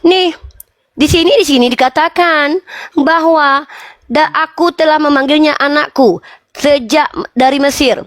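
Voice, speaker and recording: A woman's voice: high-pitched, measured pace, no room sound. A woman in a heated online debate, firing insistent, argumentative demands and questions.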